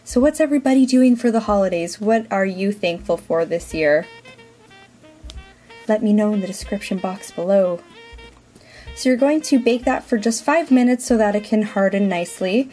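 A woman's voice: medium pitch, moderate pace, pauses often, darkish tone. A woman in her thirties talking casually and informally as the host of a craft tutorial. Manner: chatty, informal. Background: background music.

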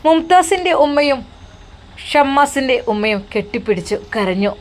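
A woman's voice: high-pitched, expressive, moderate pace. A woman storyteller with a Malappuram accent narrating an emotional family tale in an earnest manner. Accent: Malappuram Malayalam.

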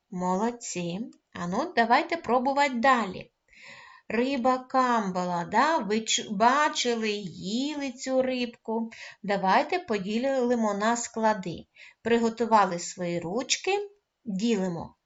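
A woman teaching a first-grade reading lesson, coaxing the children and praising them often, calling out words loudly and stretching their syllables. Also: on the high side, lively intonation, slow pace, lo-fi sound. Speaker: primary school teacher.

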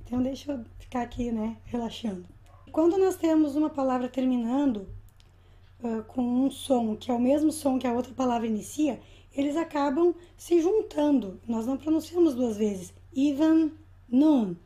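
Brazilian woman, English teacher; high, mellow, unhurried video-lesson delivery with repeated pronunciation models. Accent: Brazilian Portuguese. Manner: slow, patient, repeats words to model pronunciation. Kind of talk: explaining slang in a video lesson.

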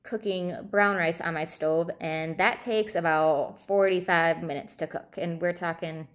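Speaking a little slowly in a fairly low, steady voice, a thirty-something fitness and nutrition coach shares informal guidance with the camera. She sits at a table in a small home room, conversational and reasoning out loud.

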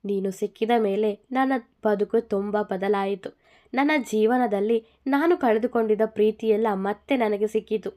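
A woman's voice: mid-range voice, normal speed, mellow, natural voice. A woman voicing a young man, a fond, teasing groom, in a told love story. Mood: tender teasing. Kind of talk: storytelling dialogue.

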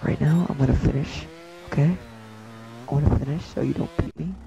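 A man's voice: on the high side, fairly even intonation, fairly quick, creaky, over music. A man chatting playfully while gaming, his voice muffled as if heard through a wall. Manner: playful, teasing. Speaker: gamer. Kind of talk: casual gameplay chat.

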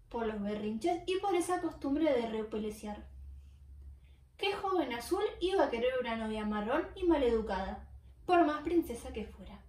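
A woman reading a children's story aloud in a clear, expressive storytelling manner with dramatic pauses. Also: on the high side. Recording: roomy, far from the mic.

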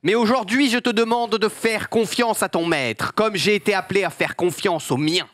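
A man's voice: sits high, moderate pace, fairly bright tone, no room sound, clean studio sound. A man voicing a stern, grumpy old kung-fu master in an amateur cartoon dub. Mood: stern, solemn. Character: stern old male kung-fu master, small red panda. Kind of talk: amateur dubbing of animated film.

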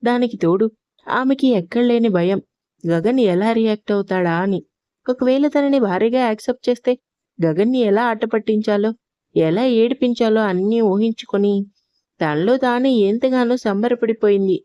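A woman narrating an audio love story, reading steadily and gently. Her voice is mellow and dark in tone and pitched in an ordinary middle range. The recording is dry and close, with no room sound. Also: normal speed, dry recording, highs cut off.

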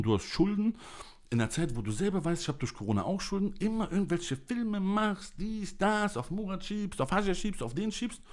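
A man's voice: high-pitched, a little mellow. A man delivering an angry, emotional monologue to camera, ranting in blunt, coarse language. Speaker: vlogger.

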